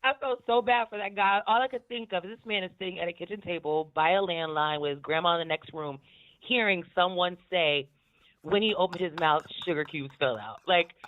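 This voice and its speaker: Over a thin, tinny phone line, a woman with a fairly low, smoky voice talks briskly about podcasts. She's casual and candid, swears freely, and laughs a lot.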